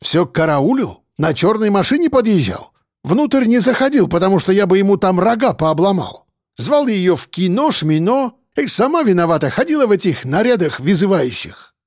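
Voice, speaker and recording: A man voicing a hot-tempered middle-aged male cafe owner, loud and pleading. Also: sits high, big pitch swings, moderate pace, no echo, studio quality, pitched above the performer's own voice. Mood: animated storytelling.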